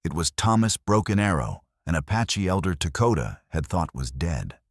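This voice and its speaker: Very deep-voiced man narrating a western tale. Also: lively intonation, moderate pace, no room sound, clean studio sound. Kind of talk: scripted western story narration.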